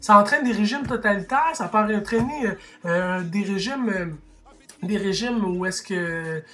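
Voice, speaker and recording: A man's voice: sits high, measured pace, fairly bright tone. A man with a Québécois French accent delivers a heated opinion monologue. He talks emphatically and rhetorically, stumbling into restarts and fillers as he drives his points home. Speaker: vlogger.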